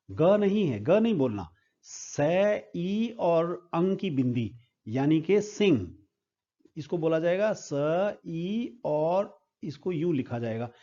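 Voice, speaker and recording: A man's voice: high-pitched, warm tone, dull audio. A man teaching English phonetic symbols, spelling each word out sound by sound. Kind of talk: phonetics lesson at a board.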